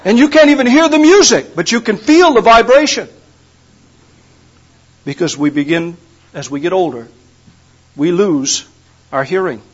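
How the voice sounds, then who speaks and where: Older male preacher, high-pitched, homespun humor, muffled lo-fi sound. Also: a little slow, pauses often, breathy edge. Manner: folksy storytelling with humor. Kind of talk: sermon. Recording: dull lo-fi recording.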